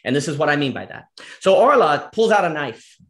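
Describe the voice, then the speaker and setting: A man's voice: a little high, sing-song, brisk, fairly bright tone. A man, a guest in a casual philosophical conversation, thinking aloud with lots of fillers and restarts. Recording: roomy, echoey room sound.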